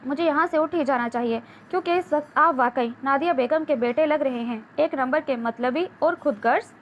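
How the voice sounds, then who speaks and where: Brief: high-voiced defiant young wife, read by a woman narrator, scolding, dull lo-fi audio with faint hiss. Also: close to an everyday voice. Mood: angry. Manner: sharp, scolding delivery. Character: angry young wife, sharp-tongued and defiant. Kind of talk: audiobook novel reading.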